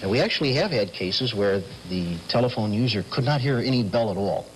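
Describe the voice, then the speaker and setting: A middle-aged American man, a telephone company specialist, explains things as an interview guest in a television studio. His voice is lowish, animated and brisk. He wears a lapel mic, and the vintage TV sound is slightly noisy.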